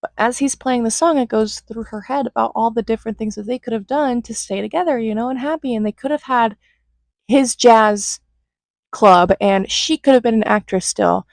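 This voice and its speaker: A young woman retells a film plot in a loose, chatty way, jumping into quick impressions of the characters. Her voice has a gravelly fry at the ends of phrases, heard dry and close. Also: fairly high pitch, no echo, low-quality recording. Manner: flippant, acts out quotes in quick voices. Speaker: movie reviewer. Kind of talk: casual recap commentary.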